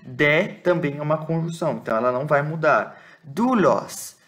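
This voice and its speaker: A man teaching a lesson. He explains patiently, repeats words slowly and keeps checking that his listeners follow. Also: a little high, lively intonation, a bit bright. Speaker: Bible Greek teacher.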